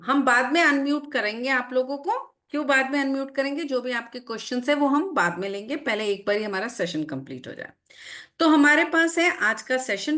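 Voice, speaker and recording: Woman teacher, online class, measured, explanatory delivery, slightly high voice. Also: fairly bright tone. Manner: slow, explanatory, mixing Hindi and English, asks students questions. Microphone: video call.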